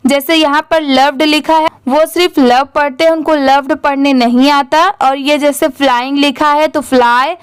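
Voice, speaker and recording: High-voiced Indian woman teaching reading. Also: fairly even intonation, moderate pace, few pauses, no echo. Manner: spells words letter by letter, then says them; asks and answers her own questions. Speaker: English teacher. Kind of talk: slow step-by-step reading lesson.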